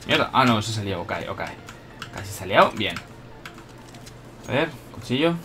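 A young man from Spain with a Spanish accent, giving live gameplay commentary, excitable, bursting into shouts and playful taunts. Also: fairly low pitch, normal speed, slight background noise. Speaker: gaming commentator. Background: electronic background music.

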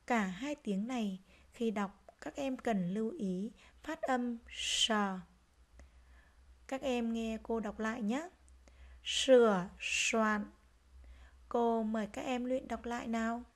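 A woman teacher leads a reading lesson for small children. Her voice is fairly high and her pace is unhurried, with careful, clear articulation. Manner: gentle, slow, clearly articulated. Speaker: primary school teacher.

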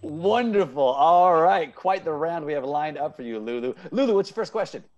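The lo-fi recording catches an expressive, darkish male voice on the high side, moving at normal speed. He's in his thirties, an improv teacher hosting a lighthearted game show by video call from a home room, cheerfully repeating answers back.

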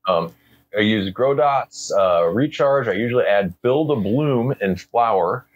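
A man's voice: medium pitch, animated, measured pace, muffled recording. A man hosting a podcast in casual chat, laid-back and rambling, full of slang. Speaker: podcast host.

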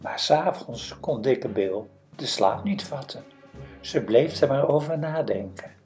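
Calm woman storyteller for a fairy tale, slow and mellow. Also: extremely low pitch, faint music behind. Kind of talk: reading a fairy tale aloud.

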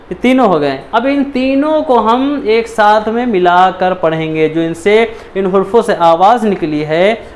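High-voiced patient male Quran teacher. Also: slight background noise. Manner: patient, repeats syllables slowly, frequent "theek hai". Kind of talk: step-by-step recitation lesson.

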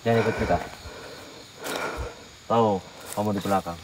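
A man's voice: lowish voice, fairly even intonation, moderate pace, recorded from a distance, noisy background. An older man acting as a spiritual guide, solemnly commanding spirits outdoors in a forest at night.

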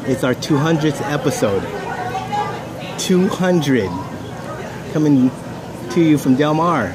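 On a racetrack's outdoor terrace, a man co-hosts a laid-back podcast, trading loose banter and swearing as they chat. His voice sits a little high and is expressive, and he talks slowly. A crowd and outdoor noise can be heard behind him.

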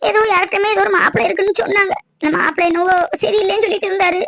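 A woman's voice: extremely high pitch, fairly even intonation, rapid-fire, fairly bright tone, slight background noise. A woman voicing a worried, tearful middle-aged village mother in a cartoon, pleading and anxious. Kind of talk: cartoon voice acting.

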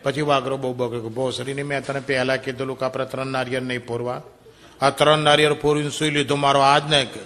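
A man with a Gujarati accent tells jokes to a crowd, jumping into the voices of his characters. His voice sits at an ordinary middle pitch. A long reverb trails after his words, as if he stands in a large hall. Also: quick pace. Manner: lively storyteller, acts out quoted characters. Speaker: comedian telling jokes. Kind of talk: Gujarati folk joke telling.

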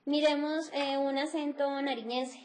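A woman's voice: sits high, fairly even intonation, a little slow, crowd noise. A middle-aged woman, teaching an English phonetics class on TV and explaining sounds step by step, mixing in English. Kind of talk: televised class lecture.

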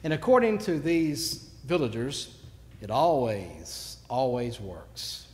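A man preaching a sermon, telling stories and moving between quiet asides and sudden loud bursts. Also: medium pitch, very animated, slow. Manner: storytelling, swings from quiet to shouting. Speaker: pastor. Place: church sanctuary. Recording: long church reverb.

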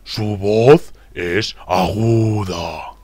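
A man with a deep voice playing a character in a children's music lesson, speaking slowly and expressively to young viewers. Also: very noisy. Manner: slow, exaggerated teacher-like speech to children. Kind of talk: children's educational acting.

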